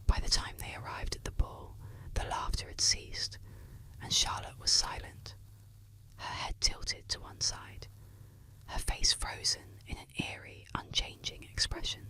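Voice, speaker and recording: A woman narrating eerie tales as ASMR, in a soft unvoiced whisper close to the ear. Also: unhurried. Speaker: ASMR storyteller. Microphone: close ASMR microphone.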